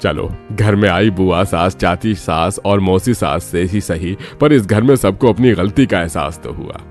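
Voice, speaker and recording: A man voicing a calm, reflective grown son in a family skit. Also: low-pitched, a little slow, faint music behind.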